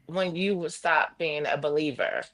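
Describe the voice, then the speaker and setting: Woman co-host, supportive, quick interjections, bright tone. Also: low-pitched. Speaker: podcast co-host. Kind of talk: casual chat.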